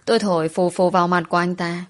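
Woman reading a story out loud, soft and emotional, a bit low pitched. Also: fairly even intonation, fast talker. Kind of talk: first-person audio story narration.

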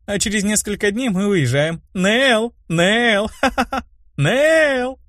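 A man's voice: sits high, takes it slowly, a bit bright, no room sound, clean studio sound, voice pushed up. A man voicing a mischievous, mocking young brunette sorceress in an audiobook. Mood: teasing. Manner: playful, mocking.

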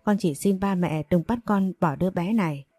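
A woman's voice: fairly low pitch, moderate pace, warm tone, no room sound, faint music behind, natural voice. A woman reading the lines of a frightened, remorseful young woman in a storybook narration, pleading and tearful.

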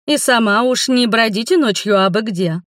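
A woman's voice: fairly high pitch, moderate pace, fairly bright tone, dry recording, studio quality, natural voice. A woman voicing a chatty, kindly older townswoman who exclaims dramatically, in an audiobook reading. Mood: gossipy.

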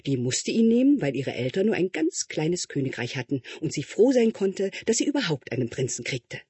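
Husky man telling a story. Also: fairly high pitch, very animated, a little fast, a little mellow, no echo. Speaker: author reading his story. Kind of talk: storytelling narration.

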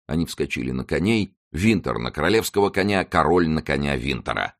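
Deep voiced guy reading an audiobook, steady, dramatic. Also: fairly quick, dry recording, studio quality. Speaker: audiobook narrator. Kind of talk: scripted narration.

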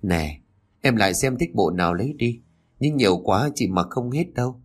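A man voicing a meek young second wife in a spoken story, soft and polite. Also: on the low side, animated, moderate pace. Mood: resigned.

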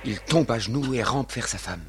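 A man's voice: mid-range voice, moderate pace, a little hiss or hum. A man narrating the stage directions of a 1950s French radio play.

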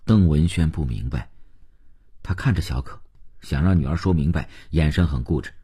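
Deep husky male storyteller. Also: normal speed. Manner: expressive storyteller's reading. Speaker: narrator. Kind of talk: audiobook storytelling.

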